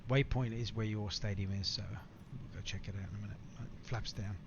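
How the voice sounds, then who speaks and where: On the low side and a little fast, with fairly even intonation, the man keeps up a casual chat with viewers during his flight simulator stream, addressing them in a matey way. Faint noise sits behind slightly dull sound.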